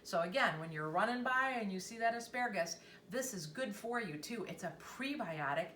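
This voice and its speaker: A woman's voice: mid-range voice, lively intonation, moderate pace, a bit bright, slight background noise. A woman hosting a casual home cooking demonstration, chatting enthusiastically and speaking directly to her viewers. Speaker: cooking show host. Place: home kitchen. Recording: roomy echo, mic at a distance, faint ambience.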